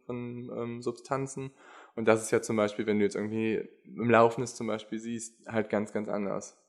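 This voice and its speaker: A young man explaining physiology in casual chat, hesitant and full of fillers. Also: lowish voice. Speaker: podcast co-host, endurance athlete.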